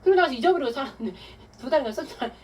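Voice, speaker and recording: A woman pastor giving a testimony-style sermon, telling her story with animated, acted-out quotes. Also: sits high, rapid-fire. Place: church hall. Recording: distant mic with faint room noise.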